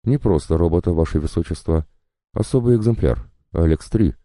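A man voicing a cunning male professor and inventor, speaking softly and almost kindly. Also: deep voice, animated, brisk, no echo, studio quality. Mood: calm, assured. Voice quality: soft, almost kind.

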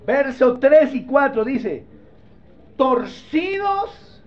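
A male pastor preaching a sermon in a church, animated and playful, often calling on the congregation to answer. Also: very high voice, measured pace. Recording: dull lo-fi sermon recording.

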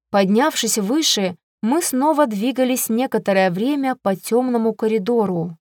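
A woman narrating a first-person fantasy audiobook in a measured storytelling manner, close to the microphone. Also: fairly high pitch, darkish tone, no room sound.

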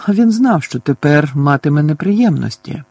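A man narrating an audiobook in a measured, expressive reading. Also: on the high side, vocal fry, slightly rough, no room sound.

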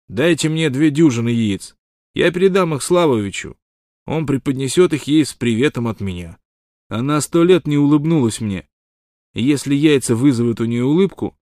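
A man's voice: mid-range voice, a little mellow, no room sound, studio quality, pitched above the performer's own voice, close to an everyday voice. A man reading an audiobook, voicing a hot-tempered, lovesick rich male miner who blusters and pleads. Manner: blustering, pleading, quick to rage. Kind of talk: audiobook character voice.

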